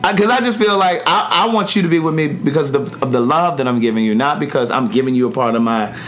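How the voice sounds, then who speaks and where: A man's voice: fairly high pitch, quick pace, fairly bright tone, a little hiss or hum. A man in his forties hosting a podcast, giving opinions in an emphatic way and repeating his points. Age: 40s. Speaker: podcast host. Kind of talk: casual conversation.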